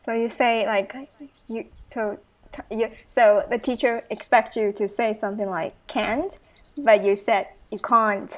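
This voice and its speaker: A podcast host from Taiwan speaks with a Taiwanese accent in relaxed, conversational English. She talks hesitantly, often restarting her questions and leaning on fillers as she feels her way through them. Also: fairly high pitch, moderate pace. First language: Taiwanese Mandarin. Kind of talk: casual interview chat.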